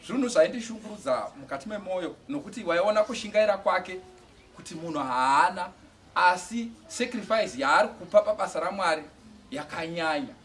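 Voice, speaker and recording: A man gives a heartfelt church testimony at a quick pace, often stumbling and restarting his words. His voice sits a little high. He is caught by a distant mic over faint outdoor sounds, birds among them. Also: animated, fairly bright tone, a little hiss or hum. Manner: halting, restarts words, emotional. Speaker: evangelist giving testimony.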